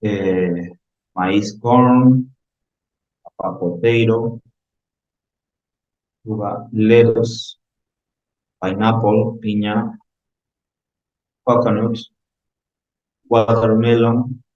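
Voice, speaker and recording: Extremely slowly and with frequent pauses, a man patiently goes over English vocabulary in Spanish during a class review, checking on students by repeating "ok?". His fairly low voice is steady and darkish, recorded in a roomy, slightly dull space.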